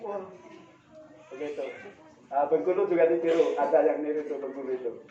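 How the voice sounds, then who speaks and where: Man giving a sermon, high voice, mellow tone, storytelling, dull roomy distant recording. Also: brisk. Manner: storytelling with anecdotes and quoted dialogue; chuckling, addresses the audience directly. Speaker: preacher. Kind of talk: monthly religious study talk. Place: hall of a religious gathering.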